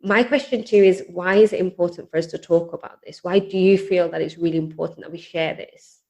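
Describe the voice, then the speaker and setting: A woman's voice: on the low side, steady tone, fairly quick, gravelly, a little mellow. A woman hosting a casual interview podcast, upbeat and encouraging as she asks open questions. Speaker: podcast host.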